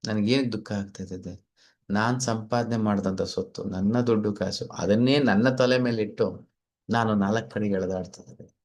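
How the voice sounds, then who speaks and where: A man's voice: lowish voice, fairly even intonation, normal speed, a little mellow. A man teaching a scripture class, telling short stories with acted dialogue and checking that listeners follow. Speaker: spiritual teacher. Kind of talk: Gita class lecture with stories.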